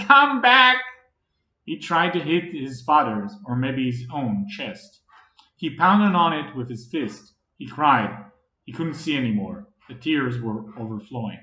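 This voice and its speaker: A man reading fantasy audiobook narration in a dramatic, expressive way. The recording is roomy. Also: medium pitch. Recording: roomy echo.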